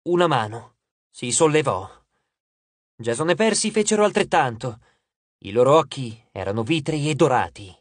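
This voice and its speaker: A man reading an audiobook aloud in an expressive, steady narration. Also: mid-range voice, normal speed, no room sound. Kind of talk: scripted narration.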